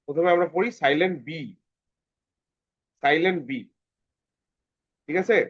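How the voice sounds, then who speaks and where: A man's voice: a little high, steady tone, unhurried, lo-fi sound. A man with a Bangladeshi Bengali accent teaching a children's phonics lesson, patiently repeating words for the kids to say after him. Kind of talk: online kids' phonics lesson.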